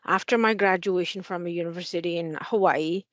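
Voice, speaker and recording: A Mongolian woman in her forties, an Air Force officer with a Mongolian accent, answers interview questions in a friendly, earnest way, using many fillers. Her voice is lowish and a little fast, recorded with lo-fi sound and no echo.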